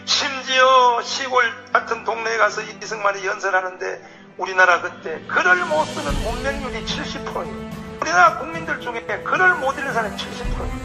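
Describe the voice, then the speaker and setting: A male pastor giving a fiery political sermon to a crowd, swinging from shouted outbursts to hushed asides. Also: very high voice, a little fast, music in the background.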